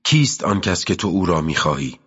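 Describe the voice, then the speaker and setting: A man's voice: low-pitched, big pitch swings, fairly bright tone, husky, full character voice. A man playing a grand, dignified male commander in an audiobook, his pleading rising into outrage. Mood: urgent. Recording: muffled with long reverb.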